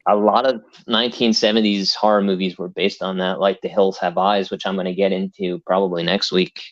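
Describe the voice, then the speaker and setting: Man, low voice, matter-of-fact explainer, dull lo-fi call audio, dry. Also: little pitch movement, a little fast, no room sound. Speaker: horror movie guest. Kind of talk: casual livestream chat.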